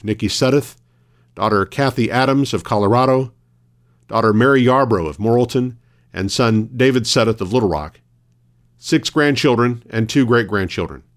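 A man reading scripted local morning radio news as the host, in a measured announcer delivery. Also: mid-range voice.

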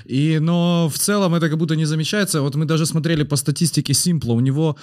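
A man co-hosting a podcast, chatting and piling up examples in a relaxed conversation. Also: on the high side, quick pace. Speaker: podcast co-host. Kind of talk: casual podcast chat.

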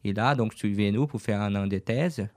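A man with a Brazilian accent talks in a radio interview, friendly but sometimes stalling as he searches for the right word. His voice sits low. The sound is dry and close. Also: a little fast, darkish tone, no room sound. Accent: Brazilian Portuguese. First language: Portuguese. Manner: hesitant, searching for words, friendly. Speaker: guest, business owner.

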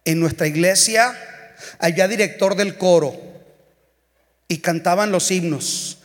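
An evangelist with a Mexican Spanish accent preaches a humorous sermon built on stories, breaking into snippets of song. His voice sits high and unhurried, with long church hall reverb around it.

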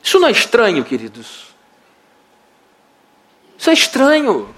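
Brazilian pastor preaching, dramatic delivery. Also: male voice, high voice, huge pitch swings, moderate pace, a bit bright. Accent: Brazilian Portuguese. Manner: dramatic storytelling, acts out quotes. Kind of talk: sermon.

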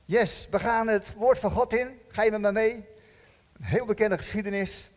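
A man preaching a sermon in a church, animated and joking, asking the congregation questions. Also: high voice, moderate pace. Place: church hall. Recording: long church-hall reverb.

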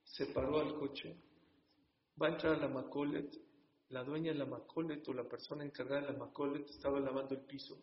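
A man's voice: mid-range voice, little pitch movement, a little fast. A man telling a religious story dramatically to a congregation, speaking to the listeners directly. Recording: echoey hall, dull sound.

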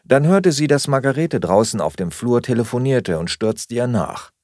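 A man narrating an audiobook in an expressive way, close to the mic. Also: mid-range voice, moderate pace, no room sound. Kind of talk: scripted narration.

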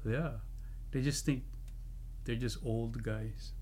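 A man telling stories in a casual chat, laughing often and animated when he acts out quotes. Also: medium pitch, takes it slowly, a little hiss or hum. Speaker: musician guest.

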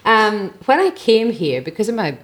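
Her voice is medium-pitched with big swings in pitch and normal speed. She is a middle-aged or older Irish-accented woman from Ireland, a mental health advocate recounting her own story in a relaxed, reflective manner as a podcast guest at home.

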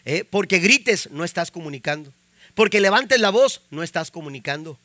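Predicador mexicano de voz muy aguda y brillante. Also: male voice, high-pitched, animated, moderate pace, sharp tone, no room sound. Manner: preaching with frequent "amén" and rising emphasis. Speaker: pastor. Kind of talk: sermon.

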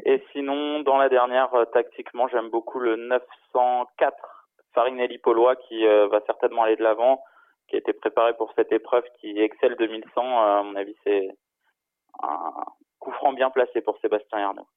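A man calling in over a phone line, giving his horse racing picks in a steady, measured way with frequent hesitations. His voice sits at an ordinary pitch for a man, and the line makes it sound thin and tinny, like a phone patched into a radio broadcast. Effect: heard over a phone line into the studio. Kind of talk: casual radio betting chat.

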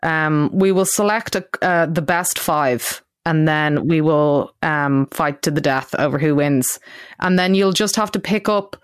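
A woman's voice: low-pitched, unhurried, clean tone, no echo, studio quality. An Irish woman co-hosting a podcast in casual chat, with a sweary, self-mocking manner. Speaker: podcast co-host.

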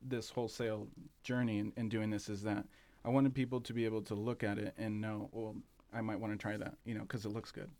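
A man talking as an interview guest about his café, relaxed and rambling, with plenty of fillers and restarts. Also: lowish voice, a little fast. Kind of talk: casual interview chat.

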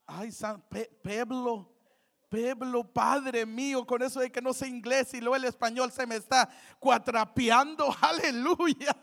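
Give me a fervent woman preacher, bright and slow-paced. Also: a little high, steady tone, creaky. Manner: fervent, shouting out refrains, jokey asides. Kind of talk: sermon. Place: church.

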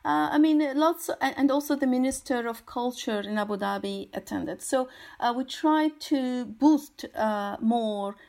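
Halting Syrian-born woman artist speaking. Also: on the high side, vocal fry, darkish tone. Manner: halting, many fillers and repeated words. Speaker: guest, artist. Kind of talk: interview answers.

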